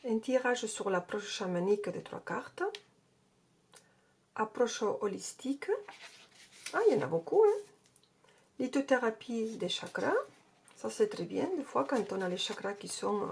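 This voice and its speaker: A woman's voice: mid-range voice, very animated, measured pace, creaky, pauses often, darkish tone, husky. A woman casually reviewing an oracle card deck and reading out card texts, hesitating often. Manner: hesitant, with many fillers and restarts; reads card text aloud.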